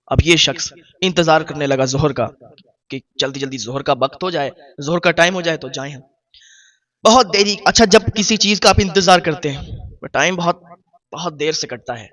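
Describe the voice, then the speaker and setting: Casting male preacher, high voice, emphatic storyteller, moralizing sermon narration. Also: fairly bright tone.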